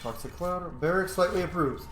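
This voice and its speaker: At a normal speed, a man with a high, slightly bright voice delivers playful, relaxed video game commentary as a let's play streamer. He swears from time to time and wanders into asides. The room sounds echoey, with faint noise in the background.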